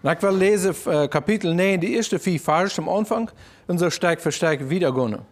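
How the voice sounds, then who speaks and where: High-voiced preacher with a Low lilt. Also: male voice, fairly quick. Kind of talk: sermon, Bible exposition.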